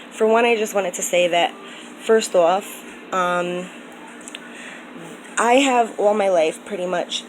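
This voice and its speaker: An earnest American woman vlogs to her viewers in a voice that leans low, circling back with ums and restarts. The talk is loose and personal, and the poor audio carries a faint hiss underneath.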